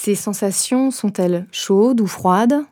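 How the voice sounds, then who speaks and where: A woman leading a guided meditation, giving gentle, unhurried instructions in a soft voice with pauses between phrases. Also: medium pitch.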